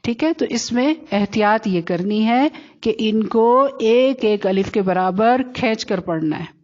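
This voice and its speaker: A woman teaching Quran recitation rules who explains patiently, checks that her students follow, and slowly chants the example words. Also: a little high, expressive, a little mellow, muffled recording.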